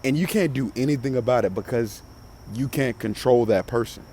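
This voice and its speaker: A man's voice: mid-range voice, a little fast, dark tone. A man from the rural South hosts a podcast solo, speaking with a Southern US accent. His talk is casual and motivational. He leans on key points emphatically, often restating them for stress. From Southern US, countryside. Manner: emphatic, repeats phrases for stress. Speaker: podcast host.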